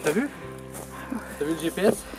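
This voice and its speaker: Lowish-voiced woman chatting casually. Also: expressive, moderate pace. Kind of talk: casual chat. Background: clear music.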